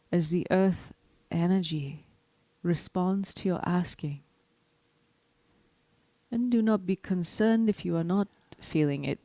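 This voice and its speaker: Slow, dark-voiced woman guiding a meditation. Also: lowish voice, no echo. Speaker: guided meditation leader. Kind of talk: guided meditation address.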